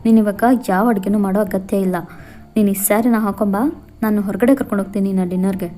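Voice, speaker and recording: A woman's voice: mid-range voice, fairly even intonation, fast, dark tone, faint music behind, natural voice. Woman voicing a bossy young husband. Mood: teasing. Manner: firm, commanding. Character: bossy young husband, stubborn then soothing.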